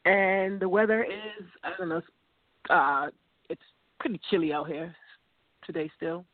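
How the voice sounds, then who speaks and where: A woman from New York City calling in to a radio show over the phone, hesitant and halting with fillers. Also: lowish voice, no echo. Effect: caller's voice over a phone line. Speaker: caller to a psychic radio show. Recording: dry, tinny telephone line.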